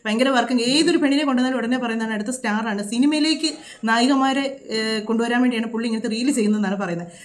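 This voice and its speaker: Brief: woman vlogger, scolding reaction commentary, rapid-fire, pitched a bit high. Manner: scolding, indignant, rapid rhetorical questions.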